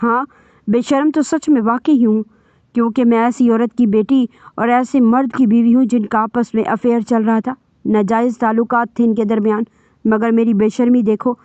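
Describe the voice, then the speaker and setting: A woman voicing a hurt, defiant young bride who shouts in anguish, in a dull, dry recording. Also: on the high side, animated, few pauses, dry recording, natural voice. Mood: shouting.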